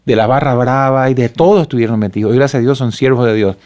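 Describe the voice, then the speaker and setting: A man's voice: mid-range voice, fast. A middle-aged man with a Paraguayan accent, a pastor and father telling stories earnestly in conversation. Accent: Paraguayan Spanish. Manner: earnest, animated storytelling. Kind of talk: conversational testimony.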